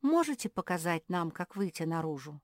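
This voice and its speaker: A woman's voice: fairly low pitch, very animated, normal speed, dry recording, studio quality. A woman voicing a polite, reasonable young male animal in a children's audiobook.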